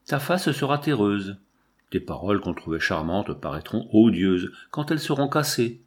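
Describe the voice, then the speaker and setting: A man's voice: lowish voice, big pitch swings, normal speed, breathy edge. A man reading the part of an anguished woman who laments aging and death, in a mournful, impassioned recitation.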